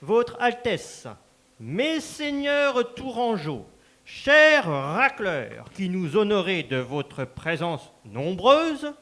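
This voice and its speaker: A man's voice: high-pitched, very animated, extremely slow, a bit bright, a little hiss or hum, heavily acted. A man performing a formal, ceremonious master of a verbal joust in a live stage reading. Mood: solemn. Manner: formal, solemn announcer.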